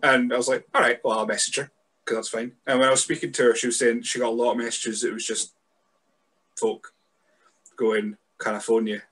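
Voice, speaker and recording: A man's voice: medium pitch, flat delivery, brisk, a bit bright, husky. Scottish host guy in his 30s, headset mic, talks loose and chatty, corrects himself a lot. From Scotland. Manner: chatty, rambling questions with self-corrections. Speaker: podcast host. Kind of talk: casual interview over video call. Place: room indoors.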